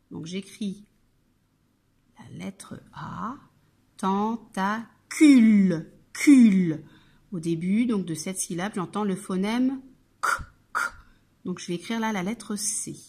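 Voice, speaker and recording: A woman teacher, slowly sounding out syllables and letters in a phonics lesson for children. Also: mid-range voice, gravelly, breathy edge.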